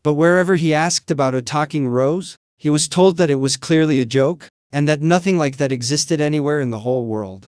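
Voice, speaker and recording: A man narrating a fairy tale in a calm, measured storyteller's voice. His pitch sits a little high for a man. The sound is dry and close. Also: clear, resonant tone, no echo.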